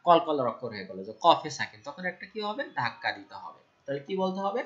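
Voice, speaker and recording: A man teaching Quran recitation rules, asking his own questions, answering them, and reciting verses slowly and loudly. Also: a little high, sing-song, lo-fi sound. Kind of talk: Quran tajweed lesson.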